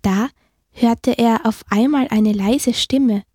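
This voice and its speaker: A woman gently narrating a children's Christmas story in a slow, storytelling manner. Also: fairly high pitch, husky, dry recording, clean studio sound.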